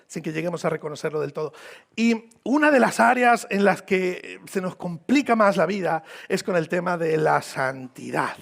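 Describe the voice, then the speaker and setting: A man's voice: sits high, lively intonation, moderate pace, gravelly. A man from Mexico with a Mexican accent, preaching a sermon as a visiting pastor in a church, informal and joking, repeating phrases for emphasis. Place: church hall.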